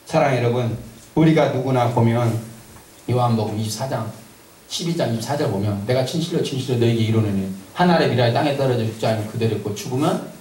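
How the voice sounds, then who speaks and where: A man's voice: mid-range voice, quick pace, darkish tone, far from the mic, slight background noise. Emphatic preaching man in an echoey church. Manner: emphatic storytelling, drawing amens from the crowd. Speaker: pastor. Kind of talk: testimony sermon to a congregation. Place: church sanctuary.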